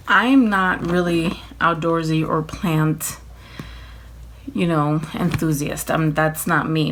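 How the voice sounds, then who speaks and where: A tired woman chatting casually through a nail-kit unboxing at home, rambling, apologizing and filling pauses with ums. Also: lowish voice. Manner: rambling, apologetic, many fillers, laughs often. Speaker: nail vlogger.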